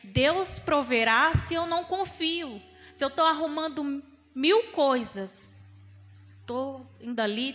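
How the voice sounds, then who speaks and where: A woman's voice: high-pitched, fairly bright tone. A young woman preaching a fervent, emphatic sermon. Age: young adult. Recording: long reverb in a hall.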